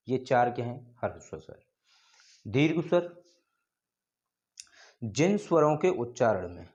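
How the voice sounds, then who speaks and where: A man teaching an exam-prep grammar lesson, explaining slowly and repeating points, stretching out called-out names. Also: medium pitch, darkish tone, muffled recording. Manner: slow, repetitive explaining, drawing out called-out names.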